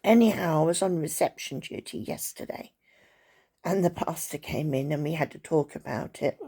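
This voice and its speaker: A woman's voice: low-pitched, moderate pace, dark tone, breathy edge. An older woman chatting at home to her viewers, rambling through a story with asides to her dog. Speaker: vlogger. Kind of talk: casual chat to camera. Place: at home, indoors.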